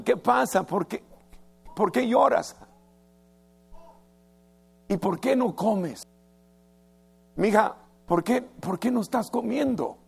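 A preacher acting out a tender, worried husband from the Bible, asking soft, coaxing questions. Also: male voice, high voice, gravelly, husky, voice pushed up, full character voice.

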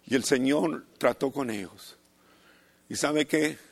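An older man preaching a fervent sermon, building to shouted peaks. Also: mid-range voice, takes it slowly, gravelly. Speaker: pastor.

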